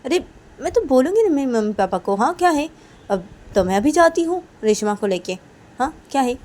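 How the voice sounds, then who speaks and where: A woman voicing a bold, protective young woman who talks loudly and keeps firing questions. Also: sits high, very animated, fairly quick, pitched above the performer's own voice. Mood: insistent. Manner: loud, insistent, repeating questions.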